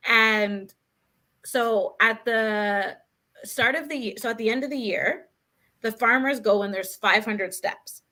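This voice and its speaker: A woman is a guest on a talk show, chatting and telling stories with animated energy. Her voice sits a little high and sounds bright and forceful. She often checks in with a quick "right?". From Canada. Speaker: guest, author. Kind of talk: casual conversational storytelling.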